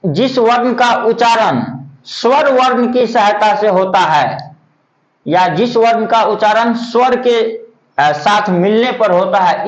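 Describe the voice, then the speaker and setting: A man teaching grammar, explaining step by step, drawing out letter sounds slowly and asking himself rhetorical questions. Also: high-pitched. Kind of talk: classroom-style explanation. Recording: echoey room, dull lo-fi audio.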